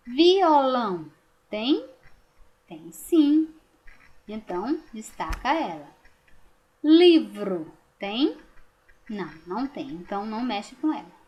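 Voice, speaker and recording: A woman teacher giving a recorded lesson to young children, speaking patiently and drawing out words. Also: a little high. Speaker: primary school teacher.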